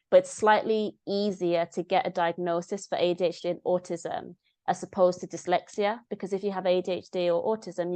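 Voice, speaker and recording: A woman's voice: fairly low pitch, no echo. A young woman, chatting as a podcast guest, telling stories animatedly and quoting others. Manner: animated storytelling, quotes herself and others. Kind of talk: casual conversational interview.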